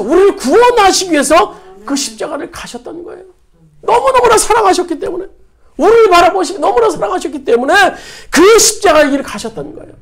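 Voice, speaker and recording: A woman pastor preaching a sermon, repeating phrases for emphasis and putting rhetorical questions to her congregation. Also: very high-pitched.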